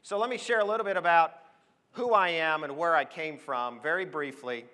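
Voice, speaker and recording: An American man in his forties, a conference speaker and advertising professional originally from Switzerland and later Oregon, delivers a motivational business talk on stage in a large hall. His voice sits on the high side, with a moderate pace and a bright, forceful tone, and he is emphatic and enthusiastic, putting questions to the audience. The recording carries the long echo of the big hall.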